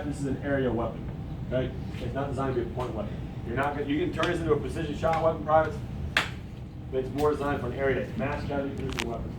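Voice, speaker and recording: A man instructing army recruits as a drill sergeant, profane and commanding, firing questions at them in call-and-response. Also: medium pitch. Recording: roomy, distant mic, noisy room.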